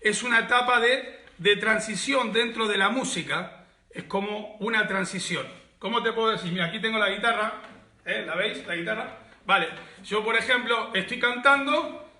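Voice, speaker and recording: A man's voice: high-pitched, normal speed, bright, forceful tone. A male pastor, preaching a reflective sermon that repeats key words and asks rhetorical questions. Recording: echoey room.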